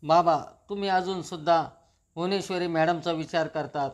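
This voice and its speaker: A man reading the lines of an earnest young woman who calmly pleads her case to her father in a TV serial recap. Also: fairly low pitch, moderate pace, lightly acted. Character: young woman, earnest and reasoning daughter-in-law.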